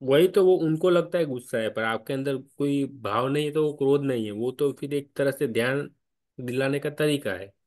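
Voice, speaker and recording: Man, discussion guide on an online call, patient and explanatory, asks questions, mid-pitched voice. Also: moderate pace, a little mellow. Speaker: study group guide. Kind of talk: spiritual discussion.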